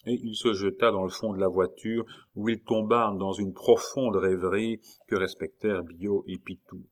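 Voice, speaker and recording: A man narrates a historical novel in a measured, dramatic reading. His voice sits on the low side and he paces the sentences with care. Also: fairly even intonation. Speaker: audiobook narrator. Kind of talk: scripted narration.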